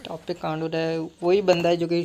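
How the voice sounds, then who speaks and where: A young man commentating his own mobile game live, excitable and talking to himself with frequent mild swearing. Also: on the high side, brisk. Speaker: gaming streamer.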